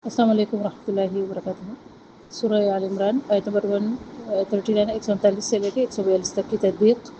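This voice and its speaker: A woman teaching Quran recitation, reciting each phrase slowly and then quickly explaining its pronunciation rules. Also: medium pitch, little pitch movement, dull audio, noisy background. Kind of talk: tajweed lesson, recitation with rule explanations.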